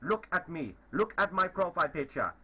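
A man voices a posturing tough guy in a clumsy put-on Indian accent, taunting and boasting nonstop. The tone is bright and forceful, a touch deeper than his natural voice. A faint hiss of line noise runs under it. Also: sing-song, normal speed, heavily acted. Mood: blustering. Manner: aggressive, taunting, bragging. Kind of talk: prank call over voice chat.

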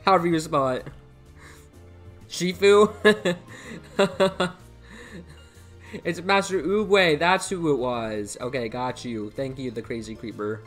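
Slow and full of long pauses, a young American man speaks in a slightly high, fairly bright voice as soft music plays. He is hosting a live game stream from a computer indoors, casually rambling and repeating himself over a headset mic, reading chat out and thanking viewers by name.

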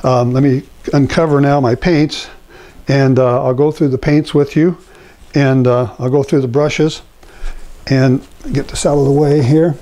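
Older man teaching painting, mellow voice. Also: medium pitch, unhurried. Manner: rambling, relaxed, many fillers and restarts. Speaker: painting instructor. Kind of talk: casual painting demonstration. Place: home painting studio at an easel. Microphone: lapel mic.

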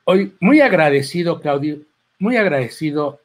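With lively intonation and a slightly high pitch, this man keeps a moderate pace. He is a Mexican-accented clown giving a casual, digressive speech at a book presentation, microphone in hand at the event table, quoting lines and wandering into asides.

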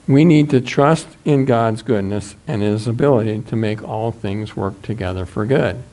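A man in his sixties with a Midwestern American accent, preaching a sermon in a small church and reading scripture at a measured pace. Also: mid-range voice, dark tone. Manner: measured, reads scripture aloud from a booklet. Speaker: pastor.

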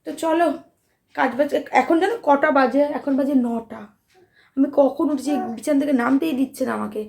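A sleep-deprived young mother vlogs casually from home, rambling and fretting with many restarts. Her voice is high, creaky and darkish, and she speaks briskly.

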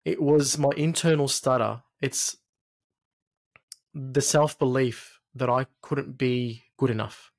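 Speaking in a mid-range voice with fairly even intonation, this late-thirties man from Egypt and Australia shares personal stories as a podcast guest. He's reflective and halting, repeating phrases as he talks. It's captured indoors in a small home studio through a close, arm-mounted podcast mic.

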